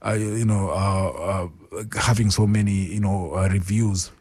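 Mellow, husky laid-back radio man. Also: low-pitched, steady tone, unhurried. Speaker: radio co-host. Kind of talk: casual radio chat.

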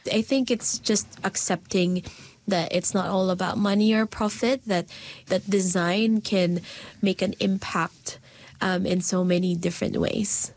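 A woman from the Philippines, a designer and lecturer, answers interview questions earnestly and searchingly, with plenty of fillers and repeats. Her voice is lowish and a little mellow.

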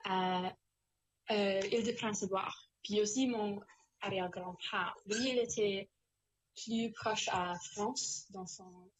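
This young woman from New Brunswick, Canada, has an Acadian accent and a medium-pitched, steady voice, speaking slowly. As an interview guest in a casual chat, she giggles, hesitates, and searches for words. The low-quality recording carries slight background noise.

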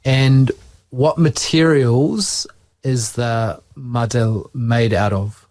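New teacher, patient questions. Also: male voice, medium pitch, extremely slow, a little mellow, no echo. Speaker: school teacher. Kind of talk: interviewing students. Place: school.

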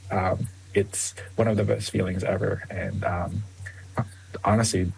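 The young Filipino guest author, a native Tagalog speaker, fills his interview answers with ums and soft laughs. His low, creaky voice has little pitch movement and a measured pace, on a rough recording with slight background noise.

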